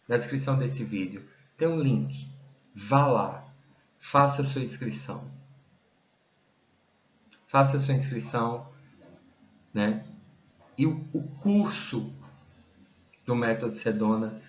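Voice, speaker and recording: A man's voice: medium pitch, a bit bright. A man teaching a meditation method straight to the viewer, conversational and full of tag questions. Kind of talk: direct-to-viewer teaching talk. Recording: roomy, dull lo-fi sound.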